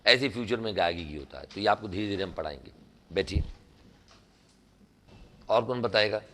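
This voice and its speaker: Indian guy teaching english grammar to a class, bright voice, keeps quizzing the students. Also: lowish voice, moderate pace. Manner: animated, quizzing students, praising answers. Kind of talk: classroom lesson.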